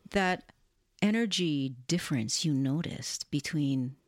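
Deep-voiced woman in easy chat. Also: animated, slow pace, dry recording, clean studio sound. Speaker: podcast co-host. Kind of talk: casual chat.

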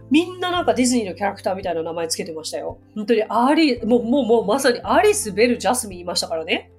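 A woman hosting a casual podcast about English expressions, chatty with frequent laughs and fillers. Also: fairly high pitch.

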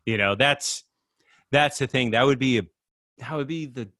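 Rambling through casual conversation with plenty of fillers and restarts, this man co-hosts a podcast. His mid-range voice is a bit bright and moves at a normal speed, captured as clean studio sound with no room echo.

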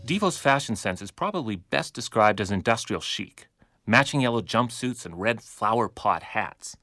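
Male radio host, low and dry, measured narrator. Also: lively intonation, bright, forceful tone, no echo, soft background music. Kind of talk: scripted narration and interview.

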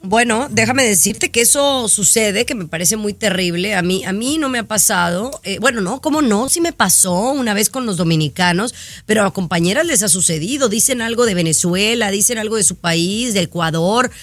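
A woman hosting a casual chat show, telling stories in an animated, exasperated way. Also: mid-range voice, moderate pace, dry recording. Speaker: show host. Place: in Florida.

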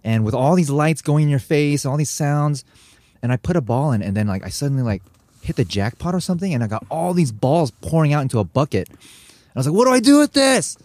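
Fast and fairly high-pitched, this young adult American man tells stories on the podcast he co-hosts, acting out sounds and quotes in casual chat. There's no room sound.

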